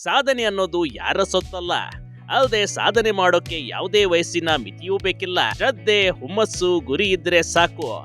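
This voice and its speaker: A man narrates a news feature in a high, bright voice that carries an emphatic, dramatic push. His scripted delivery mixes in folksy asides to the viewer, with faint music underneath. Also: animated, normal speed.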